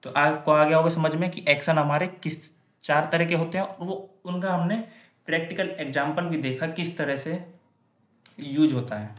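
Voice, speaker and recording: A man's voice: a little high, steady tone, normal speed. A male grammar teacher lecturing in Hindi, asking and answering his own questions and repeating example sentences. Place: classroom with whiteboard. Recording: echoey room.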